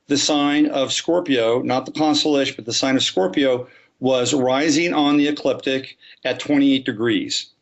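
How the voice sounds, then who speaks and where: A man appears as an astrologer guest on a podcast, methodically explaining his subject and working through examples step by step. He speaks at a medium pitch, and the recording sounds muffled.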